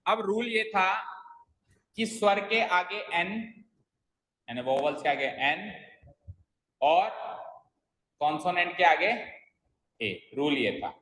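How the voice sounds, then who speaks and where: A man's voice: sits high, lively intonation, takes it slowly, long pauses, a bit bright. A man teaching an English grammar class, quizzing students by name and coaxing them to listen closely. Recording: echoey roomy sound.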